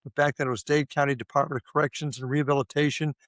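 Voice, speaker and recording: A man's voice: fairly high pitch, level tone, racing, dry recording. Older man from Ohio, chatty. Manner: rambling with many fillers and restarts. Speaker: guest, retired police officer. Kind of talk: casual interview conversation.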